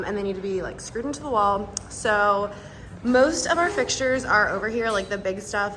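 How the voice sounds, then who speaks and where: Female vlogger, bright forward tone, informal chatty store-tour delivery. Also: medium pitch, a little hiss or hum. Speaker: vlogger and boutique owner. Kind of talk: casual vlog tour narration. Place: indoors in store units.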